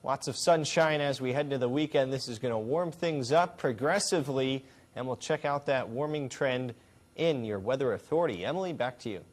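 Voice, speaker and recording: A male chief meteorologist, giving a brisk, friendly forecast preview. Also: mid-range voice. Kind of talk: weather forecast tease.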